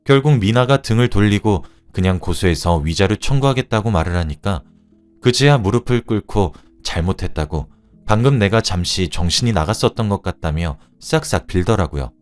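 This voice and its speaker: A low-voiced man reads a true-life story aloud as narrator, animated and expressive. His tone rises and falls over a wide range, with faint music playing underneath. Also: normal speed.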